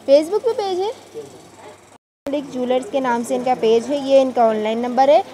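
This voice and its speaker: Touring market stalls for a shopping vlog, a woman with a Pakistani Urdu accent chats eagerly on camera and asks shopkeepers their prices inside busy indoor shops. Her high voice has a warm tone and a moderate pace, with market noise behind it.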